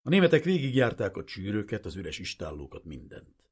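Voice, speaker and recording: Deep husky man reading a novel. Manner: measured, expressive storytelling. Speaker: audiobook narrator. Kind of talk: literary audiobook narration.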